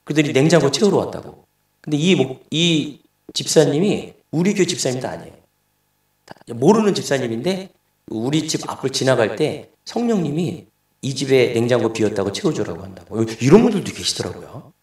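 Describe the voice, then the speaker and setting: The pastor, a middle-aged man, preaches fairly quickly in a sing-song, mid-range voice with a darkish tone. Telling a family story, he voices the dialogue himself. The sound is echoey, from a distant mic in the church sanctuary.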